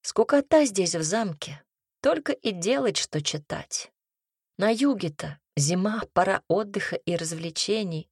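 A woman's voice: mid-range voice, expressive, a little slow, breathy edge, no echo, studio quality. A woman voicing a chatty young maid who gossips and gushes eagerly. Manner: rattling, gushing chatter.

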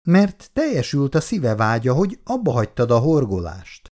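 A clever, calm young daughter from a read-aloud storybook, her voice lifted moderately, as a male reader puts her on. She speaks in an easygoing, lightly teasing manner with a lively melody. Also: mid-range voice, pitched above the performer's own voice.

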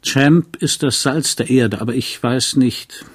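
A man reading the part of a lonely, bookish small-town lawyer who speaks in a dry, wry and courteous way, in a low, husky voice. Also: unhurried.

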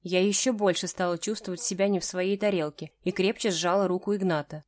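A woman narrating a first-person romance audiobook in a measured, even way. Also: on the low side, dry recording.

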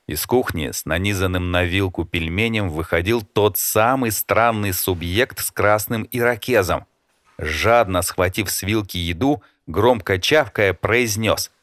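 A man narrating an audiobook in an even storytelling manner. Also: sits low, a little slow, dry recording, studio quality. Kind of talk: scripted narration.

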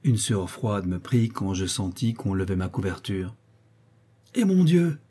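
A man narrating a classic novel as an audiobook, in a measured, expressive storytelling manner. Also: deep voice, breathy edge. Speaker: audiobook reader.

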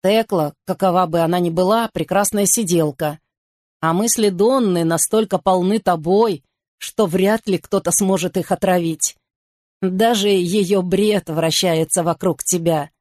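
A woman's voice: fairly low pitch, measured pace, a little mellow, no echo, close to an everyday voice. A woman reading the part of a dry, impatient, level-headed man with a sarcastic, weary tone.

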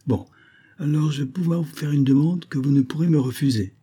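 In an audiobook, a man voices a lively, playful little girl with an English accent, pushing his voice high and eager. He speaks fairly quickly, with a breathy edge.

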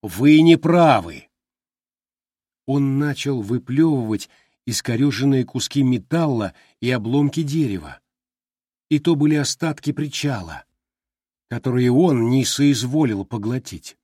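A male audiobook narrator reading in an unhurried, deliberate manner. His voice is husky. The recording is dry and close, with no room sound. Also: medium pitch, dark tone, dry recording. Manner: slow, measured, deliberate. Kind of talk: scripted narration.

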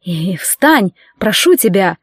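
A woman's voice: medium pitch, sing-song, takes it slowly, slightly rough, dry recording, clean studio sound, heavily acted. Woman playing an earnest young bride-to-be.

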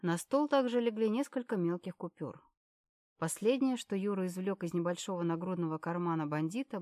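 A woman narrating an audiobook in an even storytelling manner. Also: fairly low pitch, no echo.

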